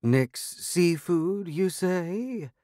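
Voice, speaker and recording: A man's voice: sits high, expressive, drawn-out words, dark tone, no room sound, studio quality, voice pushed up, full character voice. A man voicing a haughty, sarcastic female talking cat with a drawling, disdainful delivery. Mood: tempted.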